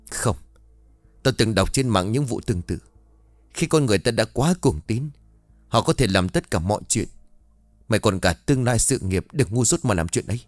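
A man voicing a sharp-tongued young man in an audiobook who talks fast and scolds. His voice swings lively up and down. The sound is dry, with faint music behind. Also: lowish voice, dry recording, close to an everyday voice. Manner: quick, scolding.

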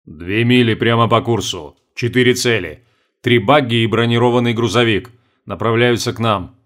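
A man's voice: mid-range voice, normal speed, a bit bright. A man voicing a terse scout on a crackling radio. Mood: clipped. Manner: clipped military report. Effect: voice over a crackling radio, through static. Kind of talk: audiobook reading.

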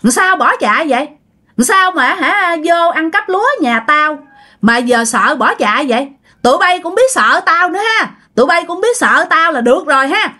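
A woman's voice: expressive, normal speed, pushed and bright. A woman voicing the mocking ghost of a young woman, with a Southern Vietnamese accent. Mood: gloating. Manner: mocking, shrill and gloating. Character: taunting female ghost, young woman, cackling and menacing.

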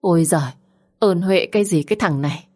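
A woman voicing a fussy middle-aged aunt who scolds in a shrill, rapid voice. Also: mellow, natural voice. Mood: scolding.

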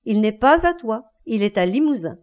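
A woman's voice: on the high side, very animated, normal speed, a little mellow. A woman voicing a defiant, scornful unfaithful wife with a cold, taunting delivery.

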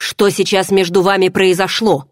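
A woman's voice: mid-range voice, level tone, normal speed, no room sound, clean studio sound, natural voice. A woman voicing a brooding, commanding young man in an audiobook, speaking curtly and demandingly. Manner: curt and demanding.

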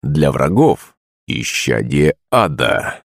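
Brief: man voicing bear-like monster pet, low, quiet menace. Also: big pitch swings, slow pace, vocal fry, no echo, clean studio sound, heavily acted. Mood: smug. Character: gruff male mountain-bear monster pet, calm, menacing.

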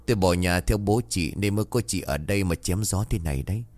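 A man's voice: deep voice, quick pace, darkish tone, no room sound, natural voice. A man voicing a scolding sorceress mother. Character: stern, scheming middle-aged mother, sorceress.

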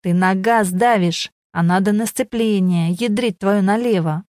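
A woman voicing a gruff man who shouts and swears while teaching someone to drive, in an audiobook. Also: medium pitch, a little slow, dry recording, clean studio sound, lightly acted. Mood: exasperated shouting.

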